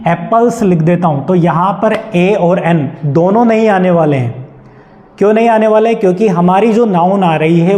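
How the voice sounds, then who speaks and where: A young male teacher with a Hindi accent explains a grammar point in a high, mellow voice. He asks the class a question again and again, then answers it himself. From India. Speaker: English teacher.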